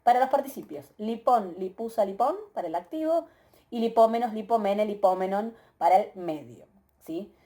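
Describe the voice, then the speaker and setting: Argentine woman teacher, mellow methodical lecture. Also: mid-range voice, lively intonation, normal speed. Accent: Argentine Spanish. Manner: methodical, explanatory, many filler "eh"s and rhetorical "¿sí?" checks. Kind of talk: recorded grammar lecture.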